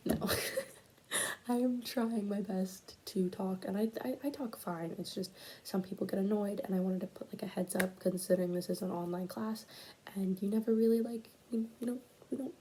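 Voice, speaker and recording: Late at night at home, a young woman records herself on a tablet presenting a class project, speaking casually but haltingly with frequent stutters, pauses, and fillers, sometimes dropping to a whisper. Her voice is medium-pitched and mellow, with a little hiss or hum in the audio.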